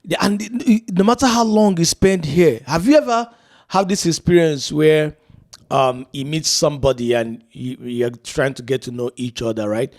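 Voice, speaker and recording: With a slightly high, somewhat mellow voice at an ordinary pace, this middle-aged African podcast host talks things over casually and thoughtfully. He keeps dropping in "right?" and "you know" asides and breaks into laughter while recounting stories.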